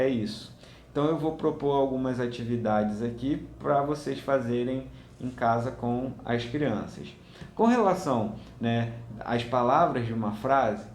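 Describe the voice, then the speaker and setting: A man teaching parents a home learning activity, speaking slowly with frequent hesitant fillers. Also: medium pitch, darkish tone, slight background noise. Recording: echoey room, faint ambience.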